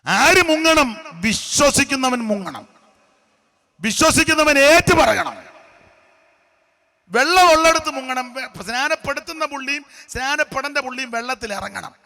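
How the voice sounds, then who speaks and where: High-voiced bright pastor preaching. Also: male voice, unhurried, gravelly. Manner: animated preaching, acts out scenes in hushed voices. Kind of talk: sermon with sung hymn lines.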